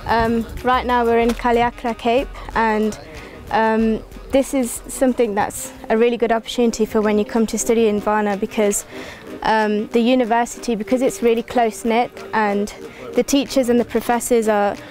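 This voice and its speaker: A woman's voice: fairly high pitch, flat delivery, moderate pace. A young woman from England, a first-year medical student, speaking earnestly to camera on a seaside cliff with many ums. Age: young adult. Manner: earnest, flowing with frequent ums. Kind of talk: promotional testimonial to camera. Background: soft background music.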